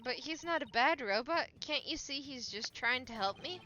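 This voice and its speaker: Woman as an earnest high-voiced young girl. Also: expressive, normal speed, bright, forceful tone, dull audio, slight background noise. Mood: pleading. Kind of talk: video game voice-over.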